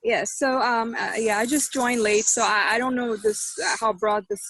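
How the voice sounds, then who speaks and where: A woman's voice: fairly high pitch, steady tone, normal speed, a bit bright, no room sound, low-quality recording. A woman speaking on a video call whose sound keeps swelling and fading as her connection drops in and out. She talks hesitantly, with many fillers and restarts. The recording is close and dry. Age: young adult or middle-aged. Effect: uneven volume, audio cutting in and out. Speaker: panel participant. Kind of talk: casual group discussion.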